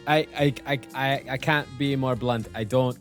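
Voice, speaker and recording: A man's voice: medium pitch, fairly even intonation, moderate pace, faint music behind, pitched above the performer's own voice, close to an everyday voice. A man voicing a flustered male adventurer who stammers while staying awkwardly polite.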